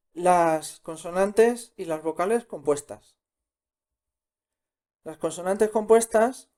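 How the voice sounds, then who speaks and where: Slow, patient man teaching sounds. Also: sits high, a little mellow. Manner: patient, repeats each sound twice. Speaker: Korean language teacher. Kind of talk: slow step-by-step pronunciation lesson.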